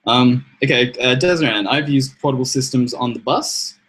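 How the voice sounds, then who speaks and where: A man's voice: medium pitch, moderate pace, a bit bright, poor audio. A man, co-hosting a live gaming podcast in rambling, laughing casual chat. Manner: rambling, self-interrupting, laughs often. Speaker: podcast co-host.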